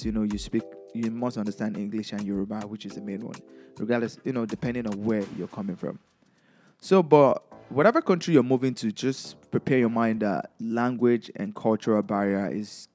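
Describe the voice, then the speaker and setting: Chatty Nigerian-accented DJ giving tips. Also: male voice, fairly low pitch, normal speed, faint music behind. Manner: lively, chatty, laughs often. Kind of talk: casual advice vlog.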